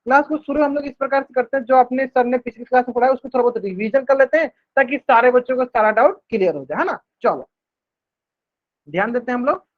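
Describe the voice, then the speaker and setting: A man teaching a live online math class, repeating each question to the students and answering it himself, drawing out English math terms slowly. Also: very high voice, animated. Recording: dull lo-fi stream audio.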